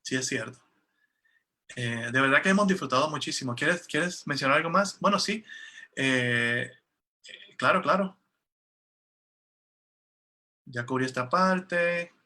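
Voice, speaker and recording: Un hombre que interpreta una conversación en una videollamada y habla en tono conversacional, con muchas muletillas y frases que vuelve a empezar. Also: male voice, a little high, animated, unhurried, pauses often, pushed and bright. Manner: conversational, with frequent fillers and restarts. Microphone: video call.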